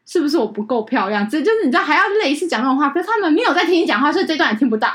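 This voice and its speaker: A young woman who co-hosts a podcast and emcees weddings tells a story in casual conversation, her voice high-pitched and very fast. She's animated, acting out the people she quotes.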